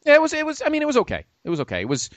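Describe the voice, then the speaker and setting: A man hosts a casual podcast chat, his voice swinging up and down with lively energy. He sounds enthusiastic as he plugs comics and shows. The sound is dry and close. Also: extremely high pitch, very fast, no room sound. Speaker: podcast host.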